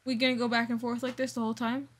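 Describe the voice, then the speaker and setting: A woman's voice: a little high, little pitch movement, racing, soft background music. A woman streaming a game, chatting casually and grumbling through joking asides. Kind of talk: casual gameplay chat.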